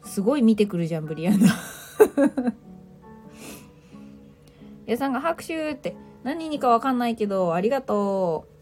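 This woman hosting a casual livestream has a medium-pitched, somewhat dark voice. She reads out viewers' comments, teasing them playfully, and slips English phrases into her chat.

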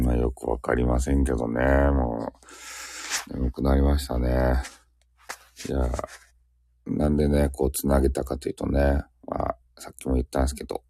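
Gravelly deep-voiced man with a Fukuoka accent. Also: mellow, dry recording, clean studio sound. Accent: Fukuoka dialect. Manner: rambling, joking, self-mocking. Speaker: live audio streamer. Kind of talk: casual solo live chat.

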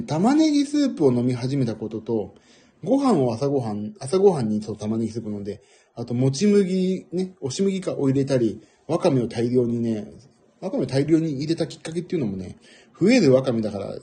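A middle-aged man with a husky voice hosting a casual, rambling audio stream in a self-deprecating manner. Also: mid-range voice, very animated, fast, dark tone. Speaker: audio livestream host.

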